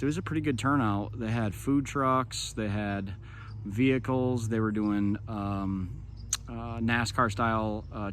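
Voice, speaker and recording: An American man in his thirties talking informally to camera as a vlog host, recapping things conversationally. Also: lowish voice. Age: 30s. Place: outdoors, park path and parking lot. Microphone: phone at arm's length. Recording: faint outdoor background noise.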